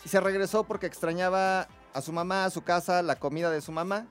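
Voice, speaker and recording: A man in a casual podcast chat, excitable, swearing freely and telling anecdotes. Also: sits high, a little fast, soft background music.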